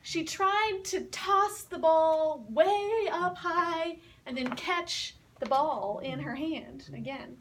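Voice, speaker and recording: Brief: patient woman teacher, high voice, very slow pace, mic set back with a faint hiss. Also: fairly bright tone, recorded from a distance. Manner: patient, repeats and explains words. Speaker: English teacher telling a story. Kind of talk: slow story retelling with word explanations.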